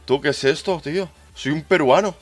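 A young man with a Spain Spanish accent, livestreaming a game in excitable, teasing casual chat. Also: on the high side, brisk, faint music behind. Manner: excitable, laughs loudly, teasing. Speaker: streamer. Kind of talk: casual live gaming chat.

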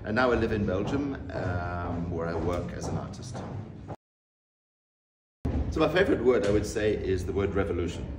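A man in his fifties from South Africa, an artist answering interview questions in a measured, reflective way with pauses and restarts. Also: deep voice, animated. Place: room with bookshelves, seated in leather armchair. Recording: roomy, distant mic, audible background noise.

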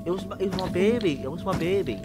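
A young man hosting a gaming video with casual, animated, sweary commentary. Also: sits high, quick pace, music in the background. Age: young adult. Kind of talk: casual gameplay chat and commentary.

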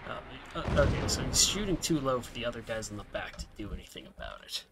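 A man's voice: medium pitch, huge pitch swings, fast talker, gravelly, very noisy. A man giving casual commentary while playing a strategy game, muttering to himself as he plays. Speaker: gameplay video creator.

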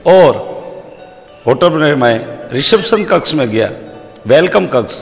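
A comedian with a Rajasthani accent tells folksy comic stories in a fairly high male voice. He quotes proverbs and voices his characters. A long hall reverb hangs on his words. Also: very animated, unhurried, creaky, faint music behind.

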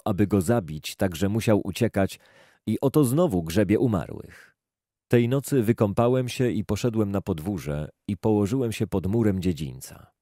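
A man with a low, warm voice reads scripture aloud. His delivery is slow, measured and solemn, and the recording sounds close and dry. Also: no room sound. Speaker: scripture reader. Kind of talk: scripted Bible reading.

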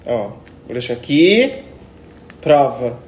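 Expressive young man, echoey room. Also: mid-range voice, takes it slowly, slight background noise. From Brazil. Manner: chatty and expressive, coaxing a pet in a sweet voice. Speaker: influencer. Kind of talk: casual phone stories vlog. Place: indoors at home, apartment rooms.

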